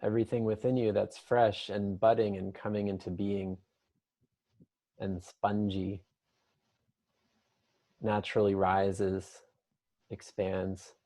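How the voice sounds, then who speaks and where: A man with a rather low voice and a level tone guides an improvised, conversational meditation. He is gentle and unhurried, leaving long pauses.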